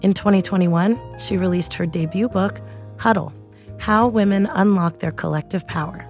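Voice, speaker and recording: A woman hosting a podcast in a casual, colloquial way, her voice husky after laryngitis. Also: mid-range voice, moderate pace, faint music behind. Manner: relaxed, colloquial, lists things in rhythmic runs. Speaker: podcast host.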